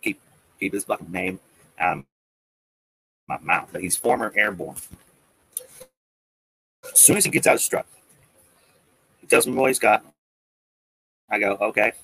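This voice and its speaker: A man's voice: fairly low pitch, a little slow, gravelly, pauses often, fairly bright tone, breathy edge, no echo, poor audio. A man telling a story to his viewers in an agitated, defiant rant, swearing often.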